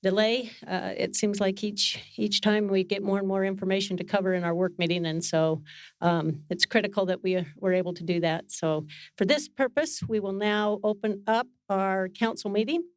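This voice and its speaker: A woman chairing a council meeting in a formal but unscripted way, with halting phrasing and self-corrections. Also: medium pitch, fairly even intonation, no echo. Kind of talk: formal meeting facilitation, partly off the cuff. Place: council meeting room, speaking into a microphone.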